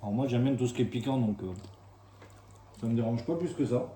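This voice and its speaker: A man talks casually through a tasting in a soft, mellow tone. He sounds like he is in a reverberant room, with a little background noise. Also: medium pitch, fast talker. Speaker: co-host of a tasting video. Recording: echoey room with faint noise.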